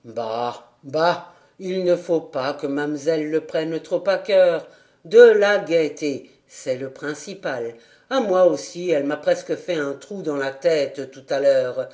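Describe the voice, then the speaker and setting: A kindly manservant speaks low and gently, reassuring a child, as a woman reading the audiobook puts him on. His voice sits well under the reader's own, soft and easygoing. A warm storybook figure. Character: kindly, easygoing male servant.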